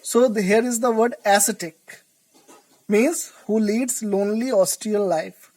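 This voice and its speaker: A woman teaching an English vocabulary lesson, explaining word roots slowly and deliberately. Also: mid-range voice, fairly even intonation, mellow, low-quality recording.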